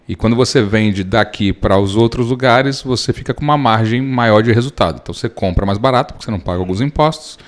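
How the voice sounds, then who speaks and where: A Brazilian man in his thirties with a fairly low voice, talking as a lawyer on a podcast. He explains things patiently and at length, leaning on everyday examples to make his point. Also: fast talker, hardly any pauses. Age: 30s. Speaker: lawyer and guest. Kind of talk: relaxed podcast interview.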